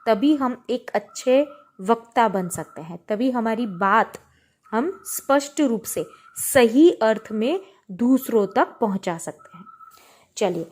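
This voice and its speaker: A woman's voice: a little high, lively intonation, slow pace, darkish tone. A woman teacher explaining a textbook lesson, patiently reading example sentences aloud with stress on different words. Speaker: Hindi teacher.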